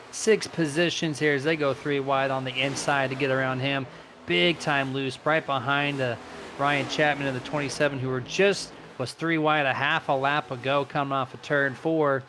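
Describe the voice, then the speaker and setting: A man's voice: on the high side, a bit bright, slight background noise. Analytical race color commentator man. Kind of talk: live sim-racing color commentary.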